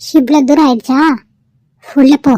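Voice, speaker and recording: A woman's voice: high-pitched, fairly even intonation, a little slow, mellow, no echo, rough recording. A woman voicing a middle-aged village mother in a cartoon, scolding and sarcastic toward her son. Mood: grumbling. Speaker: mother of the groom. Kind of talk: cartoon voice acting.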